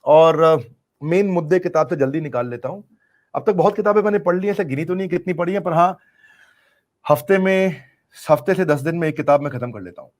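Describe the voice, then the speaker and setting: A man's voice: on the high side, a little fast. Earnest middle-aged man, emphatic repetition. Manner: earnest, emphatic, repeats phrases for effect. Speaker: business coach being interviewed. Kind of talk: conversational interview answers.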